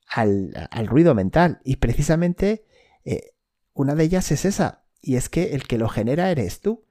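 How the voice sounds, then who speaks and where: A man's voice: medium pitch, dark tone. A man, a mental coach for athletes, giving a direct instructional talk to the listener and checking in with "okay?". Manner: direct, addresses listener, tags points with "okay?".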